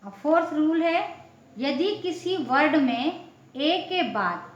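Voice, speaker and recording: Slow, patient woman teacher. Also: sits high, animated, roomy sound, highs cut off. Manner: slow, spells letter by letter, asks and answers her own questions. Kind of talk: spelling and pronunciation lesson.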